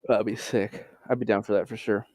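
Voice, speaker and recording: A man's voice: lowish voice, little pitch movement, brisk, a little mellow, no room sound, studio quality. A man from Canada co-hosting a podcast in casual chat, laid-back and easygoing. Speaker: podcast co-host.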